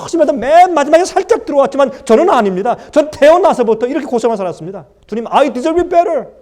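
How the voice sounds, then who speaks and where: A pastor voicing a pleading vineyard laborer. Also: male voice, very high-pitched, very animated, fast talker, mellow, breathy edge, pitched above the performer's own voice, exaggerated voice. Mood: aggrieved. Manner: pleading, aggrieved. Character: pleading, complaining vineyard laborer, adult man.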